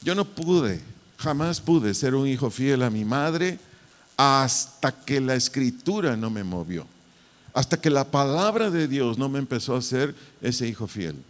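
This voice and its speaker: An impassioned male pastor with a Mexican accent preaches in a middle-pitched voice, throwing rhetorical questions at his congregation. His voice carries the long reverb of a church hall. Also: lively intonation, unhurried. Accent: Mexican Spanish. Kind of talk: sermon.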